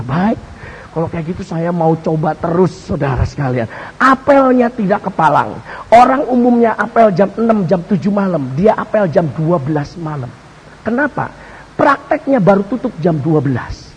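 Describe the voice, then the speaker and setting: A man's voice: high voice, big pitch swings, normal speed, highs cut off, slight background noise. An older man preaching, telling a joking family story and often addressing the congregation directly. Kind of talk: humorous storytelling sermon.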